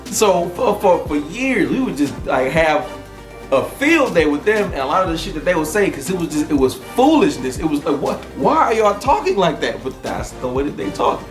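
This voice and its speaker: Man, 30s, podcast host, animated and profane, higher voice, echoey room. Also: moderate pace. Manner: animated, profane storytelling with frequent laughter. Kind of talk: casual comedic monologue. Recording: roomy echo with faint music.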